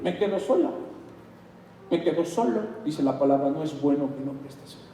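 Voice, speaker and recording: A man with a Mexican Spanish accent preaching a sermon as pastor, animated and acting out little dialogues. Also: on the high side, brisk, a little hiss or hum. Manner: animated, acts out dialogues in put-on voices. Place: church hall. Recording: echoey hall, mic at a distance.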